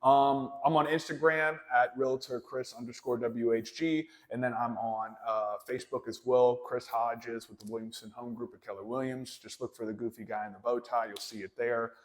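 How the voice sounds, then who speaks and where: A man's voice: medium pitch, steady tone, moderate pace, hardly any pauses. A young man, a realtor and event sponsor, chatting casually in an interview with lots of fillers. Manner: friendly, rambling with many fillers. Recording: long hall reverb.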